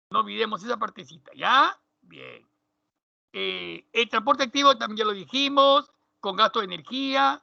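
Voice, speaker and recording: A male teacher explaining a biology lesson, often checking in with students and repeating key terms slowly. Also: high-pitched, vocal fry, bright, forceful tone, no room sound. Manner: checks in constantly with "¿ya?". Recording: dull, dry lo-fi recording.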